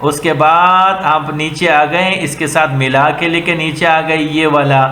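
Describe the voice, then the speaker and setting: A man with a Pakistani accent teaching letter-by-letter Quran reading, slow and patient, repeating each sound as a drill. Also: on the high side, fairly even intonation, bright, forceful tone. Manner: patient, repetitive, drills letters one at a time. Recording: echoey room with faint ambient noise.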